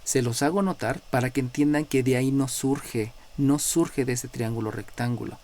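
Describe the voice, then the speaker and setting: A man with a Mexican accent teaches a live math class at a middle pitch. He explains step by step, checks in often with his students and calls on them by number. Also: moderate pace, a little mellow. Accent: Mexican Spanish.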